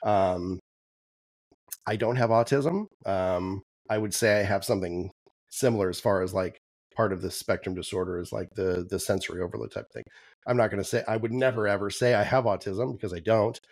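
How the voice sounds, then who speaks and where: A man co-hosting a podcast, chatting casually with frequent ums and restarts, his voice going hoarse. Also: lowish voice, brisk, no echo. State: losing his voice. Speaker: podcast co-host. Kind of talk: casual chat.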